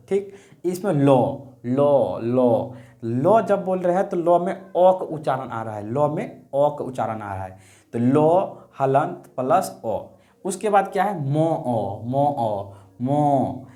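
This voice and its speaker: A male teacher speaks in a somewhat high voice as he leads an online grammar lesson. He repeats key words and often asks the class a question before he answers it himself. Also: darkish tone.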